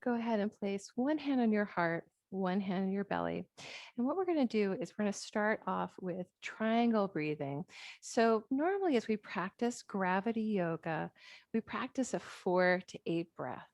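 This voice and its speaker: A woman's voice: mid-range voice, expressive, normal speed, darkish tone, no room sound. A woman yoga instructor guiding a class with short, repeated instructional cues and counts. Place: online class, instructor watching students on a monitor. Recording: background music with plucked guitar.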